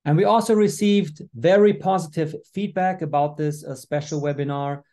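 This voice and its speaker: A man's voice: fairly high pitch, normal speed, dark tone. A man hosting a business webinar over a video call, upbeat, with frequent fillers. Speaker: webinar host.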